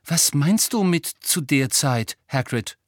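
A careful, earnest teenage girl, as a male audiobook reader puts her on, pitched up and quiet. She speaks softly and hesitantly, with a husky grain in a dry close recording. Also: lively intonation, takes it slowly, dry recording. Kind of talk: audiobook character voice.

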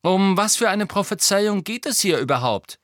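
A man's voice: high-pitched, animated, normal speed, a bit bright, no room sound, studio quality, pitched above the performer's own voice. A man reading a bold teenage boy wizard in a raised, defiant voice.

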